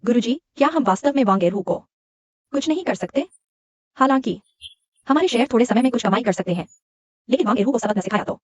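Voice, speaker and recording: A woman's voice: on the high side, animated, no room sound. A woman voicing a worried young male sidekick in a dubbed drama. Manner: quick, worried.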